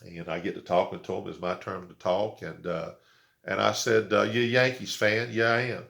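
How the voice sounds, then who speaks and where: A man pastor telling a story in a halting devotional talk, with many fillers and repeated words. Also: deep voice, fairly even intonation, a bit bright. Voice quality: gravelly.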